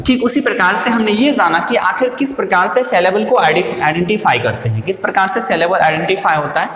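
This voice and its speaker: A man teaching a grammar lesson, posing questions to his students, answering them himself and repeating key words slowly. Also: high voice, animated, over music. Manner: calls listeners "dear" and "my brother". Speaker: English teacher. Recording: echoey room with long reverb.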